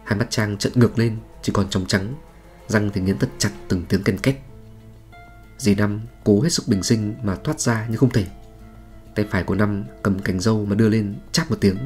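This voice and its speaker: A man's voice: lowish voice, a little mellow. A man reading a scripted horror story in a dramatic, suspenseful manner. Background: faint music.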